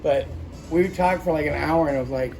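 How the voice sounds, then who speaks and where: A man from Minnesota rambles through a string of odd tales, his voice sitting a little high for a man. He swears casually and drifts in and out of quoting others. Music plays clearly behind him. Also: a little fast, a little mellow, rough recording. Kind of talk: casual storytelling chat.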